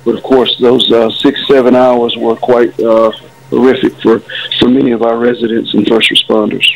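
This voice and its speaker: Man, city official, average pitch, measured and hesitant delivery, lo-fi telephone interview sound. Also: little pitch movement, vocal fry, noisy background. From Florida, United States. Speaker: city mayor. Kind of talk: phone interview on live news. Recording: dull, band-limited phone line.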